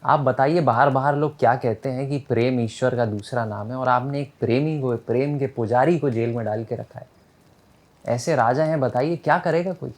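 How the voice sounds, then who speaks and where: A man's voice: mid-range voice, normal speed, darkish tone, close to an everyday voice. A man voicing a pleading male prisoner who calls himself a devoted lover, arguing in rhetorical questions.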